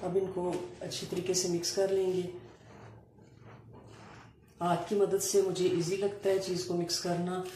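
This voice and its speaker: A woman explaining a home cooking recipe step by step, pausing often as she works in a kitchen. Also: fairly low pitch. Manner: calm step-by-step explaining with frequent hesitations. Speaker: cooking channel host. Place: home kitchen counter, indoors. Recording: echoey room with faint ambient noise.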